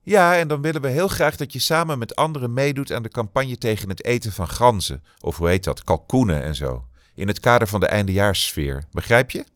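A man's voice: medium pitch, animated, fairly quick, hardly any pauses, no room sound, clean studio sound, pitched above the performer's own voice, natural voice. A man voicing a pushy campaign organizer on the phone, rambling and persuasive as he searches for words, in a storybook reading. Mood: coaxing.

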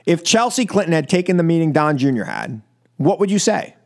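This American radio host talks politics, both in opinion monologues and with callers, in a slightly high, sing-song voice at a somewhat fast pace. He sounds emphatic and exasperated, repeating phrases often and leaning on rhetorical questions.

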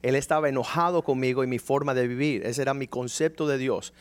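A man's voice: medium pitch, fairly quick. A man in his forties preaching a testimony in a storytelling way, acting out the people in it with changing voices. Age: 40s. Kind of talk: sermon testimony.

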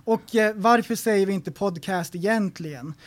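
A man co-hosting a podcast, chatting casually and animated, often laughing and exclaiming. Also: high voice. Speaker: podcast co-host. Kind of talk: casual chat.

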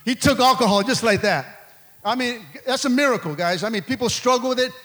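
A middle-aged man preaching a sermon in a strikingly high, bright, ringing voice. He jokes and laughs often and keeps calling out to his congregation. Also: fairly quick. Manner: lively, joking preaching with frequent laughter and call-outs to the congregation. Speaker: pastor.

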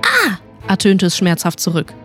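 A woman narrating a humorous fantasy audiobook story in a lively storytelling manner. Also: mid-range voice, normal speed, soft background music.

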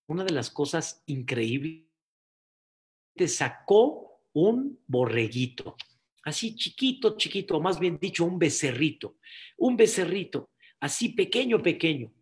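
Rabbi guy preaching slow, kinda high voice, keeps saying dear brothers, goes real soft sometimes. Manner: repeats phrases and addresses listeners as dear brothers. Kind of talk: sermon.

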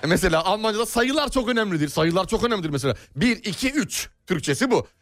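High, lively man playing a joking teacher. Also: dry recording. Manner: playful, mock-professorial, drawn-out word readings. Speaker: comic mock language teacher. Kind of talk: joking radio banter.

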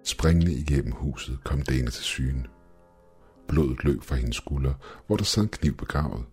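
A man narrating a first-person horror story in a measured, steady way. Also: a bass voice, husky. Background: faint background music.

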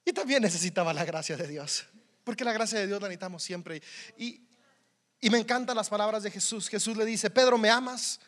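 A man's voice: high-pitched, fairly quick, fairly bright tone. A man with a Mexican accent preaching a sermon in a conversational, humorous way, often repeating words as he goes.

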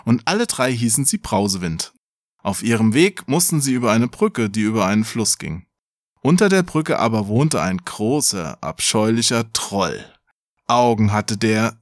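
A man's voice: mid-range voice, dry recording, clean studio sound. A man co-hosting a podcast, reading a fairy tale aloud and breaking off for playful, joking asides. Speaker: podcast co-host.

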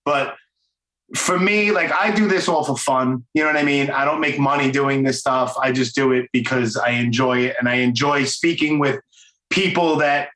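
Brooklyn-accented male podcast host, bright and roomy. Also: medium pitch, moderate pace. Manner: informal, slangy, enthusiastic. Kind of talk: casual interview chat. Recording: roomy, echoing sound.

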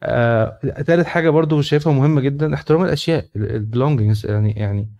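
Egyptian guy talking fast about family and faith, lots of um and restarting sentences. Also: medium pitch, darkish tone, highs cut off. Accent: Egyptian Arabic. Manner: hesitant, many fillers and restarts. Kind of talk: casual spontaneous talk.

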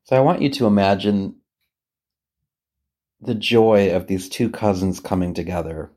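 Gentle and slow, a man with a relaxed, soft-edged, lowish voice leads a priestly guided meditation. He lets long pauses fall between phrases as he reads scripture and reflects on it.

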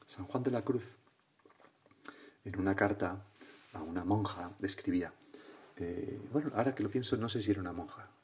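A man, a priest leading a guided prayer meditation in a reflective, conversational way, often ending thoughts with a soft questioning tag. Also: low voice, normal speed, long pauses.

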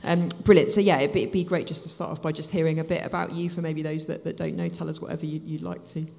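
A host speaks casually and informally, like someone chatting through a live interview. The voice has plenty of fry and creak. Long reverb from a large hall surrounds it. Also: mid-range voice, level tone, quick pace, darkish tone. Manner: informal, joking.

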